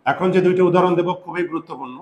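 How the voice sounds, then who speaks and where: A man teaching a grammar lesson slowly and patiently, repeating words and asking his students questions. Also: a little high, a little mellow, a little hiss or hum, poor audio.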